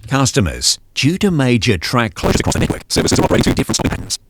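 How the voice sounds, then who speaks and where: A man's voice: medium pitch, wildly swooping pitch, racing, noisy background. Man reading train station announcements. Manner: formal, evenly paced public address reading, cut into pieces. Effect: pre-recorded announcement clips played back.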